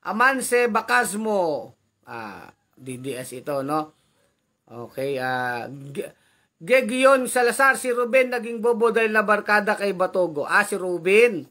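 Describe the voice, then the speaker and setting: A man's voice: high-pitched, very animated, unhurried, sharp tone. A man hosting a casual live commentary vlog, reading out viewer comments with chatty, teasing asides, frequent tag questions and easy chuckles.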